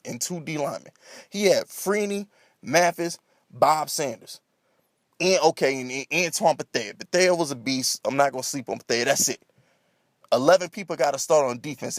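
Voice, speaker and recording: A man's voice: a little high, no echo, clean studio sound. A man delivering an emphatic, escalating comedic sports rant off the cuff, exasperated, repeating himself and swearing freely. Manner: heavy swearing; emphatic, repetitive, rhetorical questions. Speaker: sports commentator.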